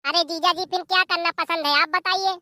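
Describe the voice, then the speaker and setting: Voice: very high voice, fairly even intonation, brisk, sharp tone, no room sound, clean studio sound, exaggerated voice. A performer voicing a cheeky, complaining young brother-in-law.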